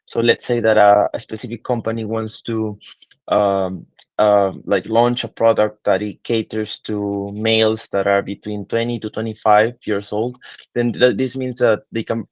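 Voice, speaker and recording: This clip features a twenty-something digital marketing consultant from Peru giving considered interview answers, stumbling through many fillers and restarts. He has a lowish voice, and the recording is muffled but free of echo.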